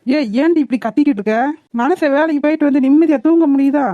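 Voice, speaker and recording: A woman voicing a kindly, fatherly village uncle in a cartoon, talking gently to a crying girl. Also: high voice, quick pace, no room sound, natural voice. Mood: annoyed. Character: kindly village uncle, tired after work. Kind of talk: cartoon voice acting. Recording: dull, dry lo-fi sound.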